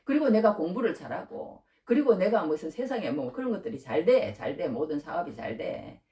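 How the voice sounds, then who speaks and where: A woman's voice: lowish voice, sing-song, fairly quick, warm tone. A woman preacher giving an emphatic, conversational sermon, repeating her key phrases again and again. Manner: conversational, addresses listeners directly. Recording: echoey hall, from far off the mic.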